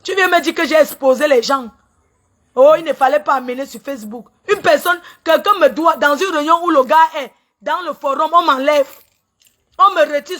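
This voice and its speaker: A woman speaks into her phone during a live stream, her voice sitting high and sounding bright and piercing. She is tearful and agitated, circling back over the same grievances and pressing indignant questions on the listener. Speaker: livestreamer airing a complaint. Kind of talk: emotional social media live rant.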